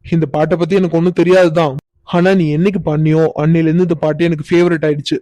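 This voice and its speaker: A cocky young village lad who loves to tease, voiced by a woman with a deep, flat, dark tone. He talks fast and slips his jokes in with mock innocence. Dry, close cartoon dub. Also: no echo, natural voice. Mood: teasing. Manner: teasing, unhurried, mock-innocent. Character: teasing young village man, cocky and playful. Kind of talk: cartoon voice acting.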